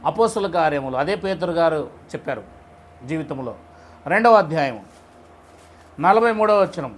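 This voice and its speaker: A man with a notably high voice gives a conversational sermon. He keeps turning to his listeners with rhetorical questions and tells stories in plain, everyday words. A faint noise hums softly underneath. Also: lively intonation, normal speed. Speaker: preacher leading a Bible study.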